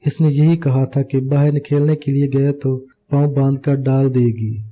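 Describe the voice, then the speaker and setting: A man's voice: mid-range voice, flat delivery, unhurried, dark tone, natural voice. A man voicing a scared little village boy who answers timidly, in an audiobook. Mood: frightened. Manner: timid, fearful pleading.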